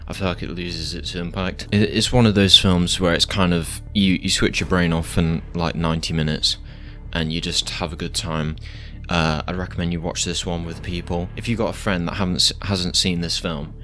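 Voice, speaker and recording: A man's voice: deep voice, pushed and bright. A man giving casual film reviews in a laid-back, rambling, slightly hesitant way.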